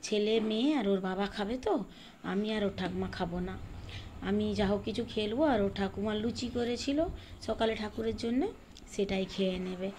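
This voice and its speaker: A middle-aged woman from Bengal chatting in a rambling way while she bakes in her home kitchen, sometimes speaking softly. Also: mid-range voice, moderate pace. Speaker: home cooking vlogger. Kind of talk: casual chat while baking. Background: fan hum and rain outside.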